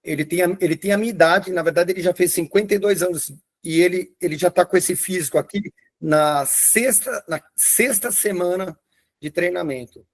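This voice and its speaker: A man's voice: sits high, normal speed. A man in his fifties teaching a live online fitness class, talking enthusiastically with frequent restarts. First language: Portuguese. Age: 50s. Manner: enthusiastic, hesitant restarts, showing photos. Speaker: fitness coach.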